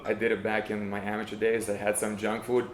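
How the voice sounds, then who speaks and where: A man's voice: on the low side, completely flat delivery, a little fast. A young man from Lithuania, giving modest, hesitant, easygoing answers as a fighter in an interview. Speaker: MMA fighter being interviewed. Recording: echoey room.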